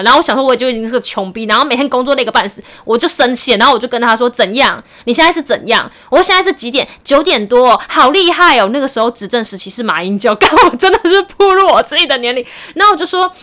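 A woman's voice: sits high, lively intonation, rapid-fire, few pauses, fairly bright tone. A woman in her thirties with a Taiwanese Mandarin accent, telling a story in casual chat, acting out the other side's lines and laughing often. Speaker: podcast co-host.

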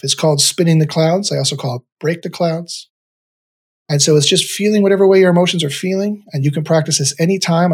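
Husky man guiding a meditation. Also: medium pitch. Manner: rambling, searching for words, repeats himself. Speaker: podcast guest.

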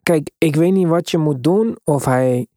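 Mellow man talking basketball. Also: on the high side, measured pace, no echo, studio quality. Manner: emphatic, mixes English sports slang into speech. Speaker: podcast host. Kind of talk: casual sports discussion.

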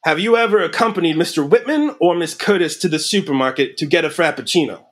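A man's voice: a little high, expressive. A man playing a bumbling detective in an improvised comedy interrogation, stumbling and restarting his questions. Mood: deadpan. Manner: halting, stumbling over questions. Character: bumbling male detective with a self-declared accent.

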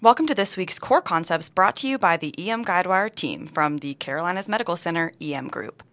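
A woman's voice: lowish voice, lively intonation, brisk, fairly bright tone, soft background music. A woman doctor co-hosting a scripted emergency medicine teaching podcast, with dry teasing asides.

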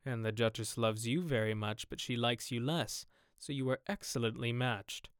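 A man playing a witty, cynical aristocratic gentleman with a languid, drawling manner. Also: medium pitch, fairly even intonation, normal speed, smooth, dry recording, clean studio sound, natural voice. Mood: amused, cynical.

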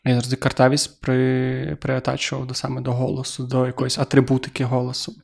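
A man's voice: mid-range voice, completely flat delivery, fairly quick, gravelly, a crowd in the background. A young man with a Ukrainian accent co-hosting a casual podcast chat, joking and self-deprecating. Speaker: podcast co-host.

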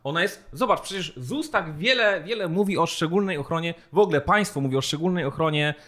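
A man arguing his point on a podcast with rising indignation and plenty of emphasis. His voice sits a little higher than most men's, and his delivery is colloquial, blunt and heated. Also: animated, brisk, a bit bright. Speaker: podcast co-host. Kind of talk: heated casual podcast discussion.

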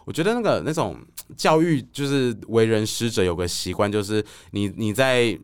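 A man, a guest writer telling stories on a podcast in a loose, animated way, swearing and laughing freely. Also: on the low side, moderate pace, clear, resonant tone. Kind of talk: casual podcast storytelling.

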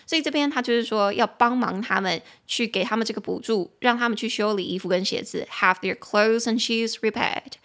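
A young adult woman hosting a podcast, explaining English in Mandarin and reading English sentences slowly and clearly. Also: a little high, fairly bright tone. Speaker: podcast host and English teacher. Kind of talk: casual teaching podcast.

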